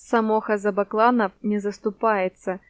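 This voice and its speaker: A woman's voice: medium pitch, steady tone, moderate pace, no room sound, natural voice. A woman voicing a swaggering teenage male street thug who taunts in crude slang, in a storybook reading. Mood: mocking.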